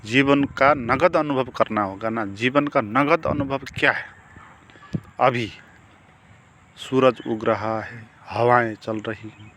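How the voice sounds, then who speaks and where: Male spiritual teacher, mid-pitched, unhurried reflective sermon delivery with rhetorical questions. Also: fairly bright tone, a little hiss or hum. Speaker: meditation teacher. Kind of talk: spiritual discourse.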